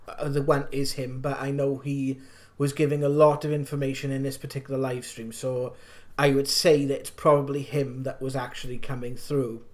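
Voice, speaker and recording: A man with a South Wales accent co-hosting a live stream in casual chat, halting at times and repeating phrases for emphasis. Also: medium pitch.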